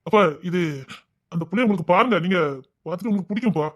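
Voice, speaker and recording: A young actor playing a stubborn, proud village son in a family drama, pleading with his parents in an earnest, insistent tone. His voice is husky and a touch high, and the words tumble out fast.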